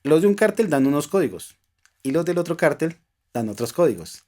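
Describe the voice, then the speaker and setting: A man from Colombia with a Colombian accent, a podcast guest earnestly telling a personal story and dropping to a soft voice at tense moments. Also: fairly high pitch, sing-song, brisk. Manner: earnest, emotional, speaks of faith, drops to soft tones at tense moments.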